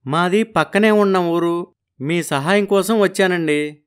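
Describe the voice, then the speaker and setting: A poor village father from an animated storybook, gentle and humble, with a pleading tone. His voice sits a little above the usual male pitch. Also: a little slow, smooth.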